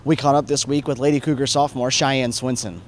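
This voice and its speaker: Fast-talking man reading sports news. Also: medium pitch, steady tone. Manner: brisk, upbeat announcer delivery. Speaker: sports show host. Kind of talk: scripted sports news and interviews.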